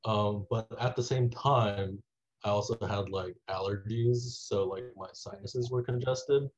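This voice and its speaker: Soft-trailing young man, husky and muffled. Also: fairly low pitch, steady tone, unhurried. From Taiwan. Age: young adult. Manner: rambling, many "like" fillers, trailing off quietly. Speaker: interviewee, student. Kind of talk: casual interview. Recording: dull lo-fi audio.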